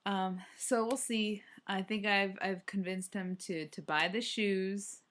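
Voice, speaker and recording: A woman's voice: mid-range voice, fairly even intonation, slow pace, fairly bright tone, slight background noise. A young adult woman chatting casually on a solo running vlog, rambling and hesitant, often restarting her sentences. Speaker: running vlogger.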